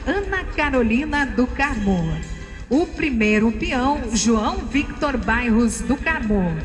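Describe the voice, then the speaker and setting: High-voiced woman announcing a parade. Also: big-room sound. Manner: formal, measured reading of names and titles. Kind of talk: scripted ceremonial announcement. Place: outdoor parade grandstand.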